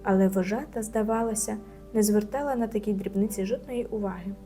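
A woman narrating a children's audio story in a lively, expressive way. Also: medium pitch, a little fast, soft background music.

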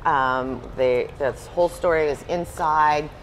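A woman's voice: sits low, takes it slowly, slight background noise, rough recording. Friendly older woman interviewer. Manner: friendly, laughs easily, chatty asides. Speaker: magazine interviewer. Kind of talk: casual interview. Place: restaurant booth indoors.

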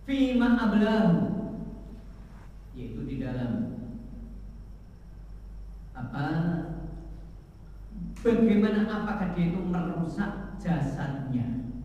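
A man giving a slow, emphatic sermon in a large mosque hall, now and then singing a phrase, recorded by a far camera. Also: fairly high pitch, sing-song, mellow. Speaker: religious teacher. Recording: echoey hall from far off, dull.

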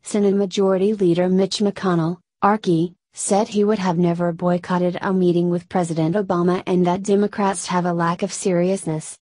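A woman reads scripted news in a steady read-aloud way, stumbling over abbreviations. Her voice sits fairly low and has a dark, mellow tone. The close voice-over sounds dry, with no room around it. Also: normal speed, few pauses, no room sound. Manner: even read-aloud delivery that garbles abbreviations. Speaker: news narrator.

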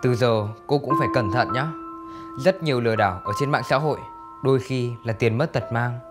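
A young man playing a calm, clever detective who explains and gives advice. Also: mid-range voice, fairly quick, over loud music, lightly acted.

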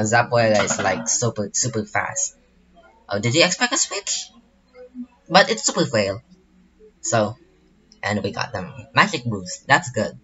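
A man's voice: medium pitch, a bit bright, lo-fi sound. A young man commentating his own online game battle in a casual, rambling way, full of fillers and restarts. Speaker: gaming channel host.

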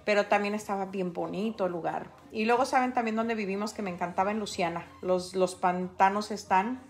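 A middle-aged woman, an artist, livestreams herself painting and chats casually with viewers. Her medium-pitched voice moves fairly quickly, and she's talkative, addressing the audience directly.

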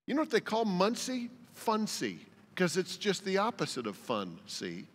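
Lively folksy older man preaching. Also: sits high, moderate pace, husky, long reverb tail. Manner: folksy, joking storyteller. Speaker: lead pastor. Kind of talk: sermon. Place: church sanctuary.

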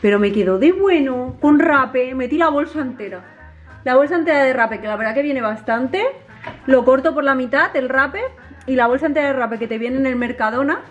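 Chatty high-voiced Spanish woman. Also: fairly quick, dull audio, soft background music. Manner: chatty, animated, addresses viewers directly. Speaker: vlogger. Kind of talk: casual home vlog chat. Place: home kitchen.

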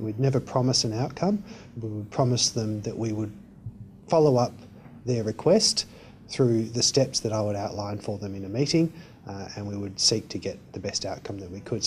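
A man politician speaks at a low pitch, explaining things steadily in an interview. A faint noise of room ambience hums behind him. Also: darkish tone. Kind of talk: interview answer.

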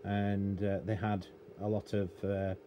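A middle-aged British man speaks in a lowish monotone at a measured pace, the audio sounding dull. He's a radio technician and hobbyist presenter, rambling through an unscripted, matter-of-fact practical explanation at a cluttered indoor electronics workbench while room noise is noticeable behind him.

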